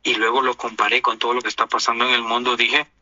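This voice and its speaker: A man's voice: mid-range voice, flat delivery, quick pace, pushed and bright, dry recording, dull audio. A man from Honduras with a Honduran Spanish accent, delivering an indignant, preachy opinion monologue as a commentator.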